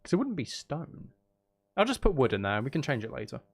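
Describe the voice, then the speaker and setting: Playing a game on stream, a man banters with his viewers, teasing, rambling, and poking fun at himself while commenting on the action. He speaks fairly quickly in a creaky, medium-pitched voice that swings hugely in pitch.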